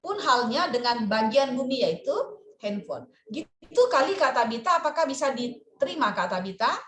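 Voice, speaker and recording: Woman therapist, lively seminar speaker, higher voice, swooping pitch, roomy video-call sound. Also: moderate pace. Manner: animated, expressive, repeats key phrases. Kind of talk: webinar talk over video call.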